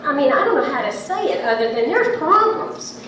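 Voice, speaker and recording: Speaking a little fast in a high, sing-song voice, a big-voiced woman presses her point during public comment at a town hall, repeating herself with insistence and passion. The room is large and echoey, the handheld mic sits at a distance, and background noise runs under the recording.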